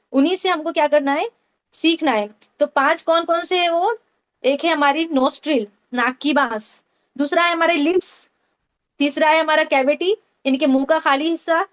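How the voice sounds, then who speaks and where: High-voiced woman teaching a Tajweed class. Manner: explains with questions and repetition, mixes English terms. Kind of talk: online class lecture. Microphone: online meeting call.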